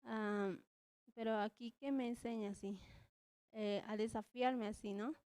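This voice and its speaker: A young woman gives a church testimony in a fairly high, mellow, smooth voice. She sounds nervous, even trembling, and speaks hesitantly, circling back on her words. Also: unhurried. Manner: hesitant, repeats "así" constantly, nervous. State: trembling with nerves. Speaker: church volunteer giving testimony.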